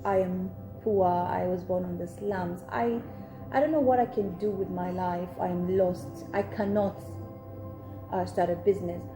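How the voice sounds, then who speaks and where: A woman's voice: lowish voice, fairly even intonation, a little slow. A woman from Africa hosting an interview show, affirming and encouraging her guest. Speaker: host. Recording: roomy sound with music behind.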